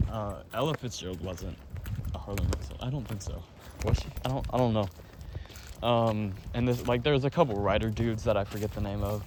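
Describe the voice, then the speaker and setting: A tired teenage boy with a stuffy nose, rambling casually about school with many fillers and quick apologies. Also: fairly low pitch. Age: teens. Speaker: student vlogger. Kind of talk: casual chat. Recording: noisy background.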